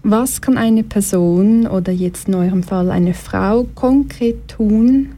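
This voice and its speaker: A woman with a Swiss German accent hosting a radio talk show, introducing guests in a friendly, measured way. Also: mid-range voice, warm tone. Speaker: radio host.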